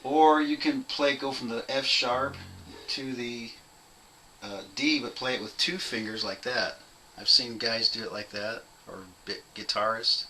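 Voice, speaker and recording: A young man casually teaching a bass part at home, rambling, apologizing and laughing at himself as he counts out beats. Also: fairly even intonation, measured pace, bright, forceful tone, faint music behind, poor audio. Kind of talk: casual home video lesson.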